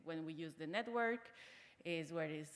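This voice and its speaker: A woman's voice: low voice, normal speed. A middle-aged woman from Colombia, speaking English as a conference speaker, hesitant with frequent fillers and restarts. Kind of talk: conference presentation. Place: conference hall. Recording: large hall with long reverb.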